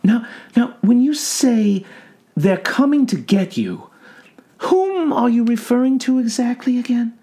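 A man voicing a composed female asylum doctor who speaks in a flat, measured, soothing tone. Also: very high voice, slightly rough, pitched above the performer's own voice, exaggerated voice. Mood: probing.

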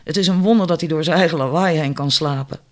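Mary: a man voicing a fiery, sharp-tongued woman. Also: fairly high pitch, quick pace, close to an everyday voice. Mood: indignant chatter. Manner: indignant, chatty, bossy.

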